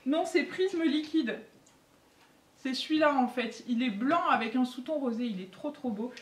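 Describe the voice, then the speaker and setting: A woman chatting excitedly and giggling as she unboxes makeup for her beauty vlog. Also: fairly high pitch. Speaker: beauty vlogger. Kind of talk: casual unboxing chat. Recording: echoey room, faint noise.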